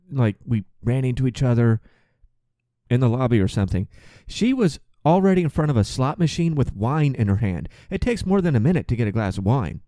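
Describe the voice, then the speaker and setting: With a mellow mid-range voice, this forty-something podcast host and flight attendant spins stories in a casual, comic monologue that is chatty, profane, and full of restarts. The studio-quality audio has no room sound.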